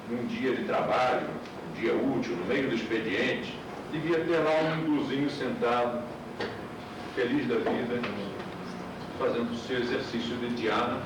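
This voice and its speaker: A man teaching a class, explaining patiently and asking rhetorical questions, heard from an old VHS tape recording. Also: medium pitch. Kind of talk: classroom lecture. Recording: echoey, distant, hissy old VHS tape.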